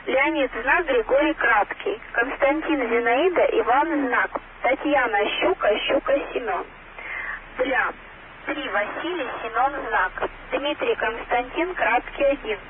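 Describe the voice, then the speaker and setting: A woman radio operator spelling out a coded message in slow, measured dictation over a walkie-talkie channel. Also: sits high. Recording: tinny radio transmission with loud static.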